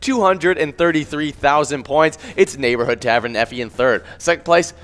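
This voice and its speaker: A man's voice: a little high, moderate pace, fairly bright tone. Upbeat man hosting a bar-game show. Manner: upbeat, laughs often, stumbles over words. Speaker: host. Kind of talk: casual live game-show banter.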